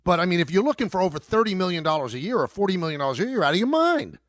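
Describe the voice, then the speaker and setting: A man's voice: high-pitched, very animated, very fast, dry recording, studio quality. A middle-aged man hosting a sports talk radio show, emphatic and argumentative, repeating his points.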